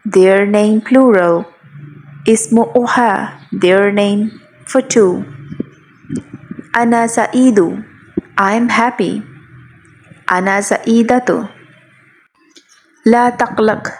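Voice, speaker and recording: Female language teacher, very slow and deliberate vocabulary reading, pauses between each item. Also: medium pitch, darkish tone. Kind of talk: vocabulary lesson, reading words and translations.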